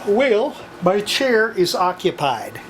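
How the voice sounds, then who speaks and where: Narrating their own radio repair in a small, cluttered indoor electronics workshop, an older restorer speaks in a casual, folksy way, often muttering aloud to themselves. The mid-range voice swings widely in pitch and takes things slowly. The room echoes, with slight background noise.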